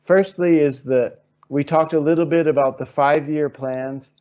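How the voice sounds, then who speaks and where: A man's voice: on the high side, fairly even intonation, a little slow, lo-fi sound. Man host asking questions. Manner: searching, thinks aloud with fillers. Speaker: interview host. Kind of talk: interview questions.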